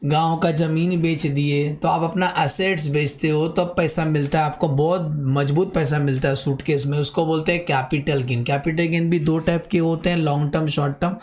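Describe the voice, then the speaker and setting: A man's voice: a little high, steady tone, normal speed, few pauses, a little mellow. A middle-aged man with an Indian accent lecturing on tax, calling his students "beta" and asking and answering his own questions. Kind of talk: classroom lecture.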